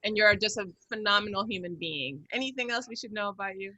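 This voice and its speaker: Bright, enthusiastic woman hosting an interview. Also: mid-range voice, quick pace, no room sound, muffled recording. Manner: effusive, encouraging. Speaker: show host, interviewer. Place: home room with bookshelves. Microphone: computer on a video call.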